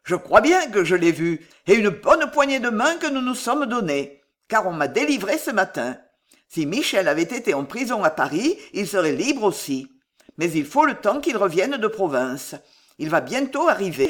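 A reader voicing an excitable, jovial one-armed man who talks in loud exclamations. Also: medium pitch, normal speed. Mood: earnest. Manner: exclamatory, lively.

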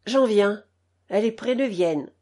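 A young soldier from a storybook, back home in secret, speaks in measured and restrained words, as a woman reader voices him. His pace is slow and his pitch moves expressively. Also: expressive, mellow.

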